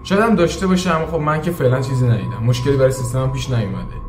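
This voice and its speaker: A man's voice: mid-range voice, a little mellow, a little hiss or hum. Man with Iranian accent, echoey room. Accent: Iranian Persian. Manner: informal, off-the-cuff commentary. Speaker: video creator hosting a screen exploration. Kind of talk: casual reaction vlog. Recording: echoey room, music behind.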